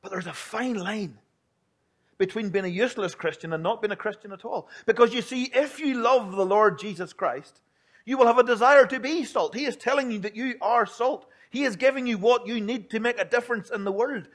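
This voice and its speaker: A man with a Northern Irish, Ulster accent delivers a sermon as a preacher, speaking plainly and earnestly and putting questions to his listeners. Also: high-pitched.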